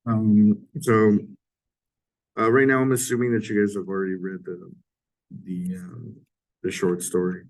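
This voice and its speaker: A man giving an informal recorded literature lecture in a halting way, often clearing his throat, his voice hoarse and giving out from a sore throat. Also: lowish voice, flat delivery, rough recording.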